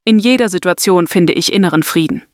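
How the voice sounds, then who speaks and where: A woman narrating a scripted guided meditation and affirmations in a soft, soothing, deliberate manner. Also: lowish voice, no echo, clean studio sound.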